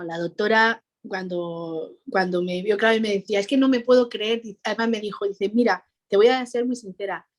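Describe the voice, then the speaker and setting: A woman, a cheerful interview guest who laughs often while recounting a personal story in conversation. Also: mid-range voice.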